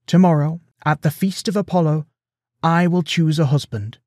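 A man's voice: mid-range voice, a little slow, dark tone, husky, no room sound, clean studio sound, voice pushed up. A man voicing a composed queen who steels herself and speaks with formal resolve. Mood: commanding.

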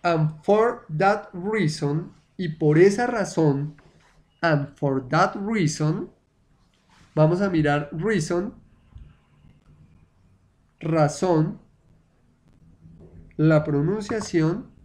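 A male English teacher whose first language is Spanish talks through an online lesson. His voice sits slightly high and his delivery is slow and deliberate. He repeats words again and again so learners can drill them. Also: darkish tone.

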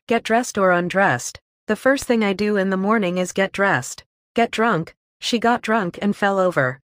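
Woman, English lesson narration, slow even phrase reading, mid pitch, dry recording. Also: no echo. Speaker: English teacher. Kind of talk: reading vocabulary list with example sentences.

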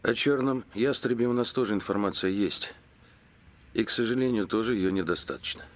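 A man's voice: fairly low pitch, fairly quick, lightly acted. An actor in his forties playing a grave, earnest police official giving a formal briefing in a film drama. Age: 40s. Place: indoor office.

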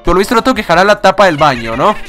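Excitable young gamer, lively pitch. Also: male voice, racing, soft background music. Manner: excitable, swears, laughs often. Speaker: gaming YouTuber. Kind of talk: casual let's-play commentary.

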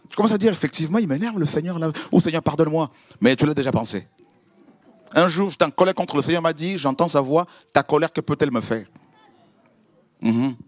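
A man preaching a sermon, acting out prayers and exchanges with God, swinging from loud outbursts to hushed asides. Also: fairly high pitch, a little fast, pauses often, no room sound. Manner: animated, acts out prayers and dialogues with God.

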